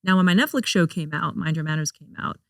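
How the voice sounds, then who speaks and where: Chatty low-voiced woman, dry sound. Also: quick pace, a bit bright, dry recording. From Hong Kong. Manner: chatty, laughs often, frequent fillers and restarts. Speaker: guest. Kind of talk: casual interview chat.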